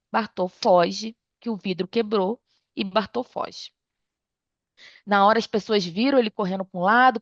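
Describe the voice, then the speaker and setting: Woman, podcast guest, lively storyteller, lo-fi dry recording. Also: no room sound. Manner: animated retelling, acts out dialogue with her mother. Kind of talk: casual storytelling. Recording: dull dry low-fidelity sound.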